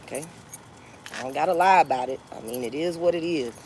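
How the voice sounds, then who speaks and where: Speaking briskly in a low, slightly mellow voice, a woman in her forties chats casually with viewers on a phone livestream outdoors. She talks bluntly, repeats herself, and often swears and laughs. A little hiss or hum is audible.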